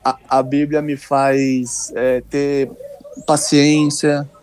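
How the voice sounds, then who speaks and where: A man's voice: mid-range voice, flat delivery, very slow, darkish tone. A man as a guest on a casual podcast, speaking informally and often stumbling over and repeating words. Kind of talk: casual interview chat.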